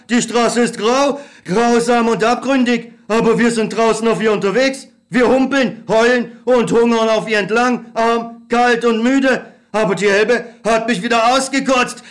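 A man's voice: extremely high pitch, fairly bright tone. A man playing Beckmann, a worn-out bitter returnee. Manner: tired, bitter, resigned. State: exhausted and hungry. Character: weary, bitter young male war returnee.

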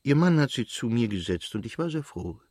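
A man's voice: mid-range voice, big pitch swings, fairly quick, a little mellow, slightly rough, no room sound, clean studio sound. A man voicing an elderly aristocratic countess, a doting and chatty mother, in a literary audiobook.

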